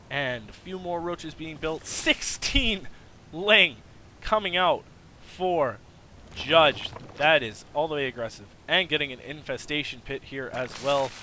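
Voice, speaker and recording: Guy casting a strategy game, bright and kinda high, lots of uhs and loud excited bursts, faint clicking behind. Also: slight background noise. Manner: filler-heavy, restarts sentences. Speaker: game caster. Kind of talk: esports play-by-play commentary.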